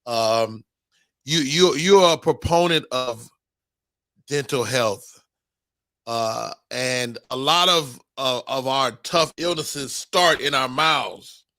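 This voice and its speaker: A man hosting a casual interview show, joking and excitable, often tripping over his words. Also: mid-range voice, takes it slowly, dry recording, clean studio sound. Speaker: host.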